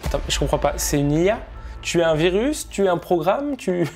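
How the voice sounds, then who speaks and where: A man's voice: high-pitched, very animated, a little fast, a little mellow, a little hiss or hum. A young man in a reaction vlog, jittery and laughing, who repeats himself when uneasy, talking into a headset mic. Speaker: gaming and tech YouTuber.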